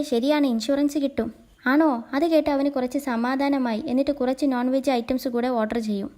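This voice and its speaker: A woman's voice: sits high, warm tone. A woman with a Malayali accent casually retelling a drama's story, quoting its characters in her own voice. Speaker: narrator explaining a drama.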